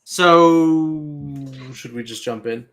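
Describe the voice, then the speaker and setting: A man hosting a casual livestream chat over a video call, with a dry, self-mocking, low-key way of talking. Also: very slow, fairly bright tone. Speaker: livestream host.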